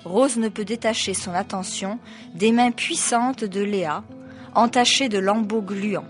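A woman's voice: medium pitch, unhurried, soft background music. A woman reading a novel aloud, breaking off for hesitant spoken asides full of fillers. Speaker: reader.

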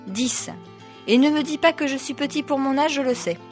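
A woman reading aloud and voicing a cheeky, unimpressed ten-year-old boy who fires off quick, chatty questions. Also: high-pitched, faint music behind, voice pushed up, close to an everyday voice.

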